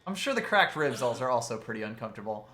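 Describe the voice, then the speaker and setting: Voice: mid-range voice, very animated, very fast, pushed and bright, slight background noise. A video game commentator chatting casually with wry, playful jokes.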